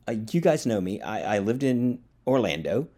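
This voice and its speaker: A man's voice: medium pitch, very animated, normal speed, warm tone. A man from the South, hosting a casual solo podcast from his apartment, rambling with fillers and chuckles, a bit tired. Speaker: podcast host. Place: studio apartment.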